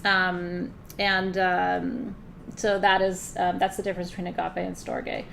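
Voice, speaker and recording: A woman with a fairly low, creaky but fairly bright voice teaches a live spiritual class at a measured pace and in a level tone, with a little hiss or hum in the audio. She keeps it loose and conversational, using many fillers and restarts and often checking in with her listeners.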